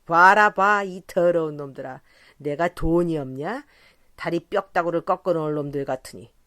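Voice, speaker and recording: A woman voicing a rowdy, drunken middle-aged rickshaw puller in an audiobook, shouting and cursing with slurred speech. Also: mid-range voice, expressive, measured pace, dry recording, clean studio sound. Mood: drunken bellowing. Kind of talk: audiobook character voice.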